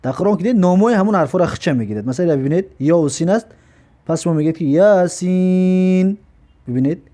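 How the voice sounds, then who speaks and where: A man with a Tajik accent teaching the Arabic alphabet, explaining patiently and repeating each letter with a slow, stretched pronunciation. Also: on the high side, dark tone. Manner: patient, repeats letters and drawls them out slowly. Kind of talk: step-by-step alphabet lesson.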